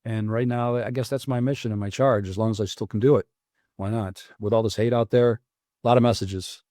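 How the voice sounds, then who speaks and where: An older American man, a guest author, answering interview questions in an earnest, reflective and halting way. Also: on the low side, steady tone, warm tone, dry recording, clean studio sound. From United States.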